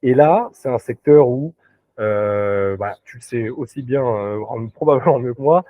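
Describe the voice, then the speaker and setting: A man's voice: medium pitch, a little slow, no echo. Man on a dry, tinny video call. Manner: hesitant, many fillers and restarts. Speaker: recruiter, interview guest. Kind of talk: casual interview chat.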